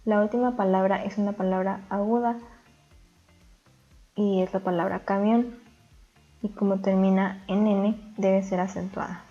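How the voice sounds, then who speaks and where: Female teacher, even mid-pitched voice, methodical explainer, muffled recording with soft music under it. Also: a little slow, pauses often. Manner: calm, step-by-step explaining. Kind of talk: recorded grammar lesson.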